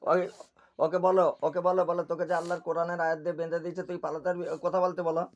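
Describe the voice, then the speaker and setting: A man's voice: on the high side, level tone, quick pace, muffled recording. A man working as a spiritual healer, sternly questioning over a video call and repeating short demands.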